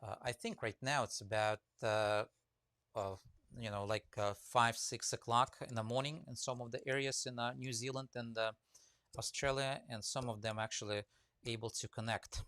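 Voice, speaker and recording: A woodcarving teacher with a Russian accent chats casually on a live stream, greeting viewers by name, reading comments aloud, and rambling with lots of fillers. His mid-range voice is fairly bright with fairly even intonation and a moderate pace, with no room sound.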